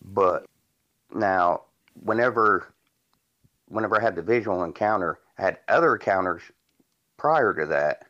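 A man in his forties from Indiana speaks in a very low voice, telling his story casually and rambling with fillers and restarts. His audio sounds dull and lo-fi, as over a call. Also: expressive, measured pace, long pauses, bright, forceful tone. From Indiana, USA. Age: 40s. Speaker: podcast guest.

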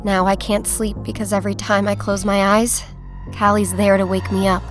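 A woman's voice: mid-range voice, little pitch movement, normal speed, lightly acted. A woman playing a haunted, sleepless, uneasy young woman narrating a scripted horror drama trailer, music behind. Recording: music under the voice.

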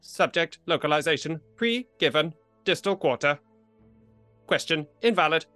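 A man's voice: on the high side, expressive, normal speed, sharp tone, no echo, faint music behind. A man voicing a talking lab bench computer in a tabletop game, speaking in clipped, robotic processing announcements. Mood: flat robotic.

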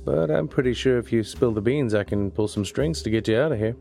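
A man's voice: mid-range voice, fairly quick, creaky, faint music behind. Man narrating a wry noir detective tale. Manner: dry, wry, deadpan. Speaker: narrator and lead private investigator.

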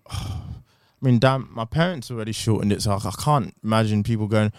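A man's voice: fairly low pitch, normal speed, smooth, no echo. Casual man hosting, close dry sound. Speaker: podcast host. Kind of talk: casual group podcast banter.

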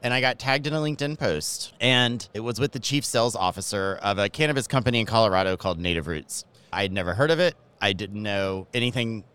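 A man's voice: fairly low pitch, fast, hardly any pauses, fairly bright tone, smooth. A man from Georgia with a Southern accent, a marketing executive talking casually and enthusiastically as an interview guest, with an easygoing, joking manner. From Georgia, USA. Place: large convention ballroom.

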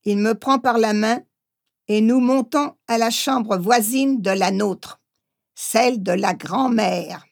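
Slow, high-voiced woman narrator. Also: vocal fry. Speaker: audiobook narrator. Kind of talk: first-person memoir narration.

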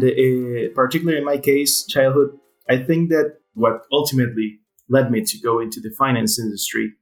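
A man's voice: mid-range voice, low-quality recording. Hesitant man. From Ecuador. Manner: hesitant, many fillers and restarts. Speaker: guest. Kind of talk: casual interview answers.

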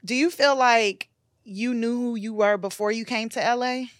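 A young woman from Miami hosts the interview with a smooth, fairly high voice. She talks casually and keeps the guest going with questions and small agreement sounds. The close mic is dry. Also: fairly even intonation, moderate pace, no echo. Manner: conversational, asks questions, with frequent agreement sounds. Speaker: podcast host.

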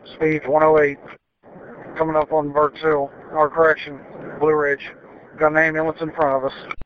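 A man's voice: fairly high pitch, little pitch movement, moderate pace. A man giving clipped, matter-of-fact updates over a police radio during a pursuit. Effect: police radio transmission. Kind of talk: terse radio calls. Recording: muffled radio with faint static.

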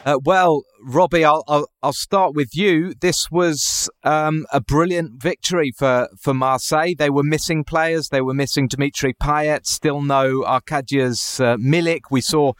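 A man's voice: fairly high pitch, steady tone, measured pace, hardly any pauses, fairly bright tone, smooth, dry recording. Male football podcast host, dry sound. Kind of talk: conversational football podcast presenting.

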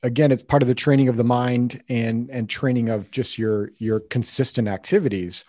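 A man's voice: medium pitch, fairly even intonation, normal speed, darkish tone, no echo, studio quality. A man talking conversationally as a podcast host, explaining things like a coach.

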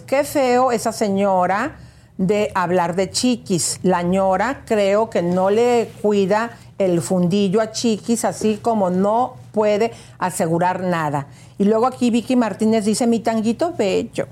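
A woman's voice: medium pitch, measured pace, a little mellow. A woman co-hosting a gossip show, chatting and reading viewer comments aloud.

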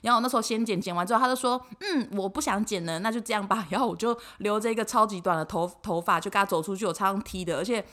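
A young Taiwanese woman co-hosts a casual podcast with a Taiwanese Mandarin accent. She rattles through her own story at a very fast clip in a bright, forward voice. She acts out what other people said as she tells it. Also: mid-range voice. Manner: candid storytelling, acts out quoted lines. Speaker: podcast co-host. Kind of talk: casual chat.

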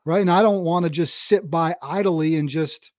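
A man's voice: fairly high pitch, normal speed, no room sound, clean studio sound. A man hosting a podcast interview, friendly and affirming, casually calling his guest "man" and "bro.". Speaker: podcast host.

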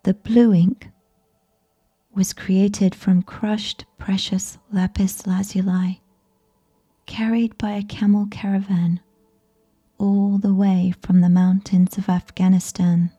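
A woman reads a sleep story softly, as if right in your ear. Her voice is very dark and mellow, breathy and half-whispered. She takes her time with every phrase, keeping it gentle and soothing. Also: medium pitch, flat delivery, slow pace. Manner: whispery, close in the listener's ear. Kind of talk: soft ASMR scripted bedtime narration.

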